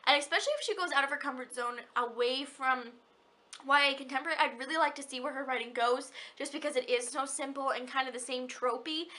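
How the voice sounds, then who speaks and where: A young woman with a high, bright voice talks about books she loves. She gushes and rambles in a hyper way, often stopping and restarting her sentences. The talk is casual and personal. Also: fast talker. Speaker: book vlogger. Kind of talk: casual chat.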